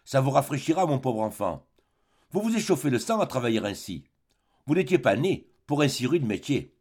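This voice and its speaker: A man's voice: medium pitch, very animated, normal speed, a little mellow, slightly rough. A man voicing a fierce, jealous old spinster woman who scolds in a brusque, bossy way. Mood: coaxing.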